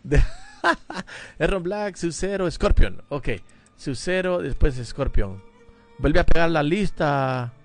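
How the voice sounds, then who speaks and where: The gaming streamer, a middle-aged man from El Salvador, takes his time and speaks at a fairly high pitch. He chats casually through a headset mic while playing a fighting game in his home gaming room, calling out viewers by name. Loud game music and sound effects run underneath his voice.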